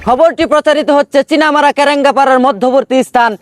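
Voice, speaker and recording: A man's voice: very high voice, fairly even intonation, fast, faint music behind. A man playing a bombastic parody news anchor, reading rhyming satire theatrically with a rural Bangladeshi accent. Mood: mock-solemn. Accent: Bangladeshi rural colloquial. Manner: mock-solemn, rhyming, theatrical announcing. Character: bombastic male parody news anchor of a village comedy channel.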